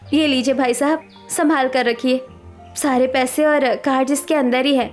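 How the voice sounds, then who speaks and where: A woman voices a poor but honest young woman in an animated story. She pleads earnestly in a high voice and keeps her speech plain and sincere. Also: moderate pace, faint music behind, natural voice. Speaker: cartoon character.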